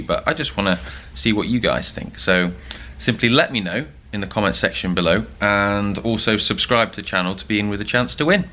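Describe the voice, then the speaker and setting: A man's voice: lowish voice, bright, forceful tone. A young man hosting a casual vlog, chatty and joking with plenty of fillers. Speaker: vlog host. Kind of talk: casual vlog chat to camera.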